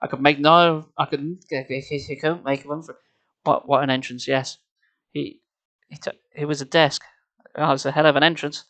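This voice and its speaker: Though the delivery is flat, this storyteller and live streamer reads a children's book expressively, slipping in casual, wry, mocking asides. The voice is medium-pitched, fairly bright, and moves at a normal speed.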